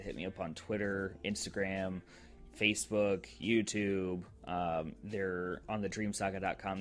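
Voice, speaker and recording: A man hosting his own podcast, giving a casual, rambling update with many ums and restarts. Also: fairly low pitch. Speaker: podcast host.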